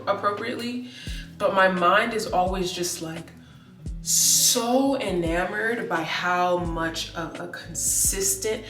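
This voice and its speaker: A woman's voice: medium pitch, a bit bright, recorded from a distance. Woman, late twenties, casual vlog rambling, lots of fillers, echoey room, faint background music. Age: 20s. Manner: rambling, many "like" fillers and restarts. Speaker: vlogger.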